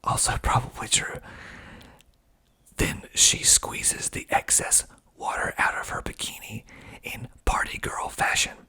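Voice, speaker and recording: Here a male filmmaker-actor softly whispers his way through reviews of his own movie, ASMR-style, slipping in wry understated remarks. His delivery is a little slow and sharp in tone.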